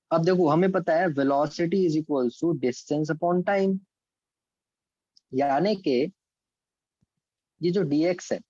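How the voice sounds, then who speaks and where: Indian male tutor, fairly high voice, dry close sound, muffled lo-fi audio, step-by-step explainer. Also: mellow, dry recording. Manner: explains step by step, checks in with students by name; mixes English terms into Hindi. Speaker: physics and maths teacher. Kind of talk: online class lesson.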